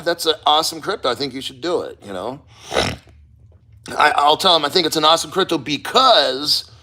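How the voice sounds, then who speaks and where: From inside a cold water plunge, a man hosts a casual crypto livestream, speaking bluntly with motivational rambling and casual curses. His voice is on the high side, pushed and bright.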